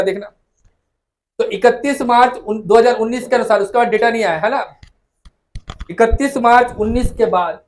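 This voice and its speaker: High-voiced man drilling a class. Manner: drilling facts by repetition, teasing students; mixes English terms into the talk. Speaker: coaching teacher. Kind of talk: classroom lecture for exam prep. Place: classroom with students.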